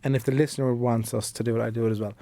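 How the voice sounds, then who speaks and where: A man's voice: medium pitch, steady tone, very fast, warm tone. A man co-hosting a podcast in a playful, joking way. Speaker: podcast co-host. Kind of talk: casual podcast chat.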